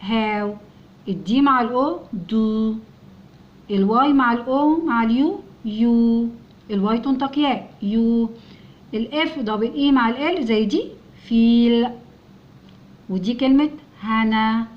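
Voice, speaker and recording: An Egyptian-accented woman teaching English to young children, spelling out each letter sound and repeating words slowly and patiently. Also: on the high side, highs cut off. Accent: Egyptian Arabic. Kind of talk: step-by-step phonics lesson.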